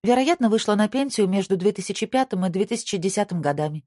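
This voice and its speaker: A woman's voice: mid-range voice, expressive, fast, mellow, no echo, studio quality, voice pushed up, lightly acted. A woman voicing a diligent young female analyst who precisely reads out facts from records. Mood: matter-of-fact.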